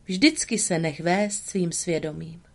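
A woman voicing a gentle, graceful fairy in a storybook reading, speaking softly and solemnly. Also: lowish voice, gravelly. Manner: soft and solemn.

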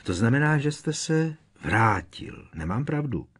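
A man's voice: fairly low pitch, sing-song, husky. A man voicing an agitated teenage boy wizard who presses with urgent, pleading questions in an audiobook. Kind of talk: audiobook character reading.

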